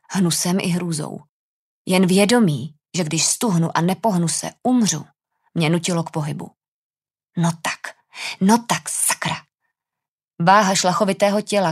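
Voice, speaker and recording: Woman audiobook narrator, low-pitched, tense dramatic first-person reading.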